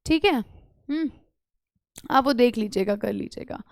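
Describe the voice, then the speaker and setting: A woman teaching an English exam lesson online, mixing Hindi and English and coaxing students with quick questions. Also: fairly high pitch, animated, no room sound, clean studio sound.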